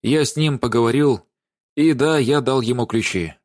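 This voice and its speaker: A man's voice: mid-range voice, normal speed, darkish tone, no room sound, clean studio sound, close to an everyday voice. A man reading an audiobook and voicing a cowardly young man who pleads and stammers in a bleating tone. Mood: flustered.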